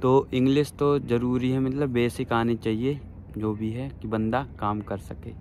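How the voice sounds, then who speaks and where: A man in his thirties films a casual selfie vlog on his phone, held at arm's length, by a waterfront town on an overcast day, earnestly offering job advice to viewers he calls friends. His mid-range voice is a little mellow and unhurried with little pitch movement, and there's a bit of hiss or hum.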